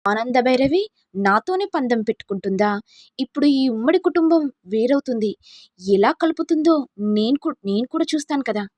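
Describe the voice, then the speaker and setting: A woman's voice: sits high, expressive, normal speed, a little mellow, dry recording. A woman voicing a scheming, jealous elder sister in an audio story, gloating to herself.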